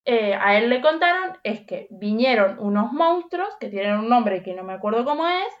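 A woman with a Rioplatense Spanish accent, co-hosting a podcast in casual chat. She tells stories in a blunt, slangy, animated way. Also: on the high side, moderate pace, dull audio. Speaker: podcast co-host.

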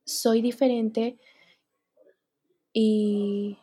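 Young woman vlogger, husky and mellow, speaking openly and unscripted. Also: fairly high pitch, flat delivery, drawn-out words. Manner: candid, emotional, near tears at times. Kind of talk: unscripted personal vlog.

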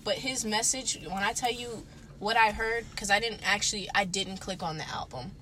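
A woman's voice: mid-range voice, normal speed, bright, forceful tone, slight background noise. A woman co-hosting a casual podcast chat, speaking in a blunt, emphatic and slangy way with plenty of swearing. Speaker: podcast co-host.

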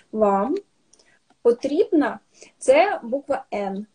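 A woman's voice: fairly high pitch, very animated, extremely slow, dark tone, breathy edge. A Ukrainian woman patiently teaching signs in a casual podcast chat, with many fillers and restarts. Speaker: sign language teacher, guest.

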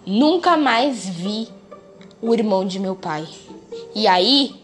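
A woman voicing a rueful grown man who tells of his past in a slow, subdued way, over faint music. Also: mid-range voice, expressive. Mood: wistful.

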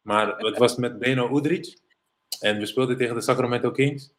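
Man from the netherlands, middle-aged, ex basketball pro, lively storytelling, mid pitch. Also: moderate pace. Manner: animated anecdotes, mimics others in English quotes. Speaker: guest, former pro basketball player. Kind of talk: casual storytelling interview.

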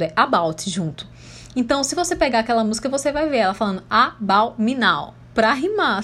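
A woman with a Brazilian Portuguese accent, an English teacher giving a podcast lesson in a chatty way, posing questions to her listeners and answering them herself. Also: fairly high pitch.

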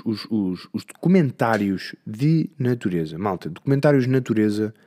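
A man's voice: medium pitch, darkish tone. Portuguese guy from the european side, european portuguese accent, casual rambly solo podcast chat, slangy. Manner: rambling, slangy, self-deprecating.

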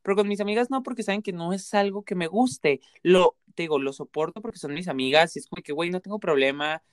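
A man's voice: sits high, fast talker, no echo, studio quality. A man with a Mexican accent in casual conversation, talking earnestly and explaining his views at length with many examples. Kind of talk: casual chat.

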